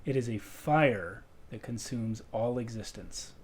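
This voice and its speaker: A game master improvising narration for a tabletop role-playing game in a deliberate storytelling way. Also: medium pitch, slight background noise.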